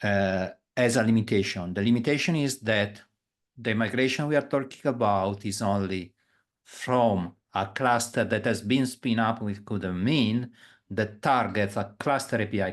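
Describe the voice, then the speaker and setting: A man's voice: fairly low pitch, moderate pace. A man on a video call, a project maintainer discussing a technical proposal with hesitant, self-correcting phrasing. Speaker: project maintainer in an online meeting.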